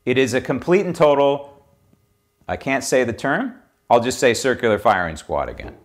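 An American man hosts a political talk show with emphatic, exhorting delivery. His mid-pitched voice swings widely as he repeats his points to the audience. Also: animated, normal speed. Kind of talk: opinion monologue to audience.

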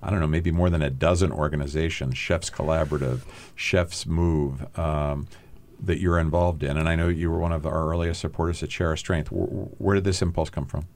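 A man's voice: a bass voice, steady tone, brisk, darkish tone. A man hosting an interview, asking long questions with hesitant fillers. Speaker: podcast host.

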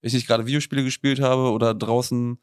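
A man's voice: medium pitch, little pitch movement, fast, clear, resonant tone, dry recording, clean studio sound. A man in his thirties co-hosting a podcast in casual chat, rambling with many restarts and laughing often. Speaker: podcast co-host.

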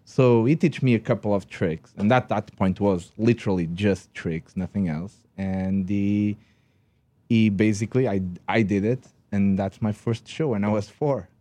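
Portuguese-accented man, low mellow voice. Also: normal speed. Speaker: magician guest. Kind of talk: casual podcast conversation.

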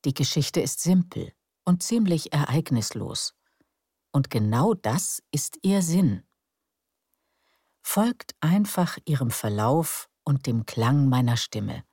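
A woman narrates soothing sleep stories as a podcast host, in a calm, gentle, unhurried way. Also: sits low, breathy edge, dry recording, studio quality. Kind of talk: soothing bedtime story narration.

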